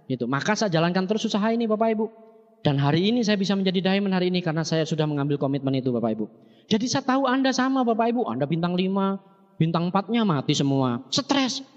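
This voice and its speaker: A man giving an energetic seminar speech on stage, constantly addressing his audience and joking as he tells stories. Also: sits high, quick pace. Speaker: motivational speaker at a business seminar. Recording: dull lo-fi tape in an echoey hall.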